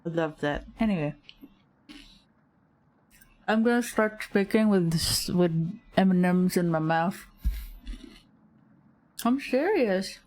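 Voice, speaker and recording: A woman's voice: unhurried, long pauses, a little mellow. Chatty woman streamer rambling through asides. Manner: chatty, rambling asides, sudden high squeaks of surprise. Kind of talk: casual game commentary while reading dialogue aloud. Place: home streaming setup.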